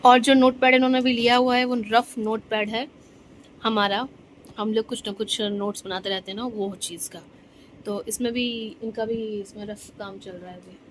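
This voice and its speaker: A young mother chats casually into her phone's front camera at home, teasing playfully about her toddler. Her voice sits a little high. A faint hum of the room runs under her talk. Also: steady tone, normal speed. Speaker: vlogger. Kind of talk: casual home vlog narration. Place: home bedroom.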